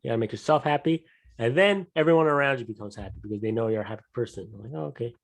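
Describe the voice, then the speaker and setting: A young man with a middle-pitched voice co-hosting a casual podcast. He talks in an easygoing way, dropping wry jokes between plain remarks. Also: very fast, a little hiss or hum. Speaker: podcast co-host. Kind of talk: casual chat.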